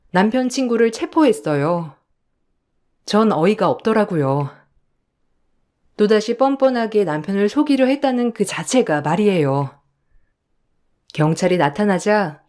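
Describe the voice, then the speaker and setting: A woman narrating her own story as a wife in a radio drama, calm and indignant, sharp and scolding when she confronts the swindler. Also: medium pitch.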